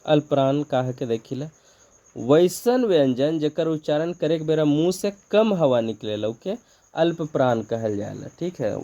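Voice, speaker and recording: A man with a Nagpuri accent teaches an exam-prep lesson in a slightly high, mellow voice. He poses questions and then answers them himself, one step at a time. The recording sounds dull and lo-fi. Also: expressive, moderate pace. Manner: explains step by step, asks and answers his own questions.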